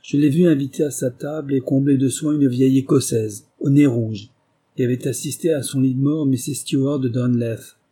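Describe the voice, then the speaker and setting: A man reading a 19th-century novel aloud in a measured, literary way. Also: medium pitch, steady tone, dark tone, slightly rough. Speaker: audiobook reader.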